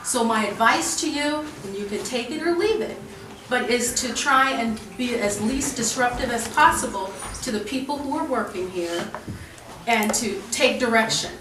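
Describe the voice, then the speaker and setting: Heard from a distance in an echoey indoor stairwell with background noise, a woman with a fairly high, animated voice negotiates tensely with student protesters. She is a university administrator who speaks in a firm, measured way, repeatedly restarting her sentences.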